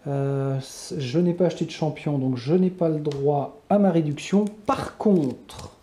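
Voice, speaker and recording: A man's voice: fairly high pitch, mellow. A man narrating a solo card game, muttering to himself and counting cards aloud. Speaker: board game player.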